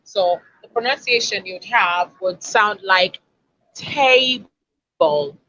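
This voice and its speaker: A woman's voice: on the low side, pushed and bright, muffled recording, a little hiss or hum. A woman, a communication expert explaining and demonstrating word sounds in an online lesson over a video call. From Africa.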